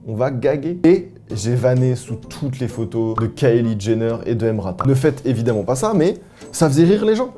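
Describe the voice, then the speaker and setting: A man from France telling anecdotes to the camera in a casual, animated, self-mocking and slangy way. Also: medium pitch, normal speed, faint music behind. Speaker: vlogger.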